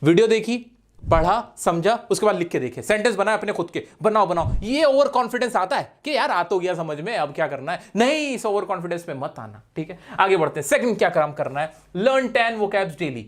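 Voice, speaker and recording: A man's voice: high voice, lively intonation, brisk. Chatty Indian-accented male English teacher. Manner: chatty, direct, addresses viewers as brother. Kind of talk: casual classroom-style lesson.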